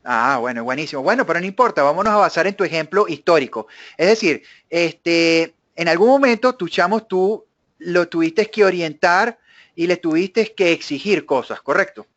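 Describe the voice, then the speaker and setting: A man's voice: fairly high pitch, animated, moderate pace, fairly bright tone, dry recording. A middle-aged man teaching an online workshop, explaining with family examples and checking in with questions. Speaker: instructor. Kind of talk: live online workshop lesson. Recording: dry, dull lo-fi webinar audio.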